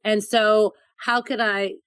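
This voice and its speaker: A woman chef telling stories in a casual interview, chatty and animated, often repeating words as she goes. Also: mid-range voice, slow pace, noisy background. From born in Thailand to Laotian parents. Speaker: chef and restaurant owner.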